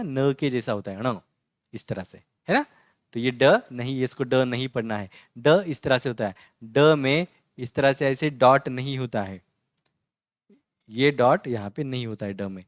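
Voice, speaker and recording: Clean studio sound with no room sound carries this medium-pitched male teacher through an online Marathi lesson on the letters of a board. Repetitive yet patient, he keeps posing "है ना?" ("isn't it?") and answering it himself while spelling each letter slowly and clearly.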